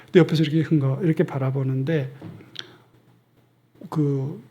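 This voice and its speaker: A middle-aged man preaching in a church sanctuary, his voice sitting rather high for a man. He speaks conversationally, tossing questions to the congregation. At tender moments he sinks to a hushed near-whisper. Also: fairly even intonation, moderate pace, lo-fi sound, slight background noise. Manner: drops to soft near-whispers for tender lines. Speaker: pastor. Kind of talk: sermon.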